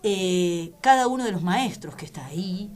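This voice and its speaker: With a fairly low, animated and slightly mellow voice, a Rioplatense Argentine woman in her forties speaks as a radio interview guest. A tango musician and teacher, she stops and restarts her words often.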